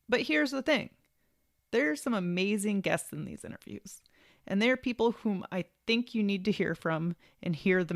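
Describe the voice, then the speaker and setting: A woman's voice: mid-range voice, no room sound, clean studio sound. A woman hosting a podcast in an informal, emphatic conversational way. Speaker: podcast host.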